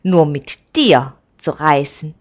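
A woman's voice: low voice, takes it slowly, lo-fi sound. A woman voicing a sly, threatening male messenger who sneers and hisses his words. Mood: sneering. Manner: sneering, hissing.

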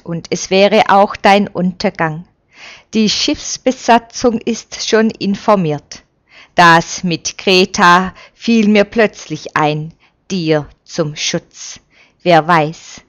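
A woman's voice: medium pitch, natural voice. Woman reading a stern Roman official. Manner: measured, admonishing.

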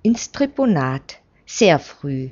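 A woman's voice: sits low, sing-song, slow pace, darkish tone, heavily acted. A woman voicing a shrewd older male priest giving sly advice. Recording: dull lo-fi recording.

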